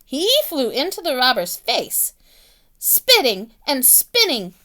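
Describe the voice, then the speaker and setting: A woman's voice: high-pitched, big pitch swings, slow pace, heavy background noise. A woman reading a children's picture book aloud, as a teacher telling the story with voiced animal sounds.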